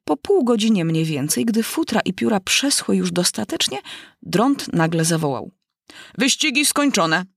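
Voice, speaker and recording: Husky woman reading a children's story. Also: mid-range voice, very animated, no room sound, studio quality. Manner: measured storytelling. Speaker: narrator. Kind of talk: audiobook narration of a children's story.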